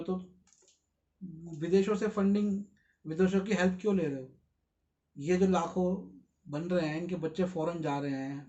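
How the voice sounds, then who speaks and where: A man's voice: high-pitched, a little mellow, dull audio. A man giving an interview, explaining at length in an earnest, lecturing way and putting rhetorical questions to his listeners. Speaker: interview guest.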